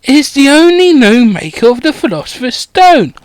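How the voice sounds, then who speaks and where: A man's voice: extremely high pitch, sing-song, moderate pace, dry recording, voice pushed up. A man voicing a bossy, exasperated teenage girl witch who swears and scolds.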